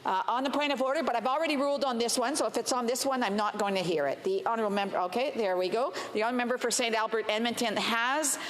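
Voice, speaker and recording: A woman chairing a parliamentary debate, giving procedural rulings in an official, halting, admonishing way. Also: a little high. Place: large parliamentary chamber. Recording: reverberant chamber.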